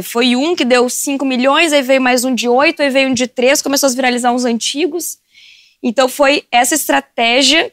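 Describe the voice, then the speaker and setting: A woman chats as a podcast guest, telling stories quickly and with a lot of energy. Her voice sits slightly high, and she laughs often. The sound is dry and close. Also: no echo. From southern Brazil. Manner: animated storyteller, laughs often. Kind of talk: casual podcast chat.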